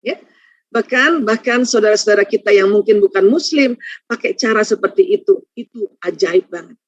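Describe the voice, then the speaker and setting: A middle-aged woman giving a religious parenting seminar, lively and acting out quoted voices of mothers and children. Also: mid-range voice, normal speed, no echo. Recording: dull muffled dry recording.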